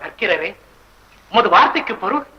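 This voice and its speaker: A young man in a school play, playing a regal, excitable male king who declaims grandly. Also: high-pitched, moderate pace, slightly rough. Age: teens. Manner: grand, declaiming royal speech. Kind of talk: school stage play acting. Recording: dull lo-fi stage recording.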